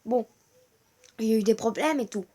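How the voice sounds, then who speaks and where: A French teenage girl vlogger speaks earnestly to her viewers in a personal video, her voice on the high side, mellow and a little breathy at a normal speed. She's hesitant, full of fillers and restarts, and grows more indignant as she goes.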